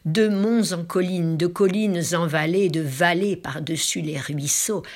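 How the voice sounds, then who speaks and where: A woman with a low, husky, gravelly voice tells a folk tale. She takes her time, stretching phrases out dramatically and sinking into hushed whispers at key moments. The pace is unhurried throughout. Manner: drops into hushed whispers for emphasis; slow, drawn-out dramatic phrasing. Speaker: storyteller.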